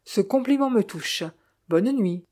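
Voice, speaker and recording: A woman reading the part of an elderly woman doctor who speaks with courteous, measured insistence. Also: medium pitch, lively intonation, a little mellow. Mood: earnest.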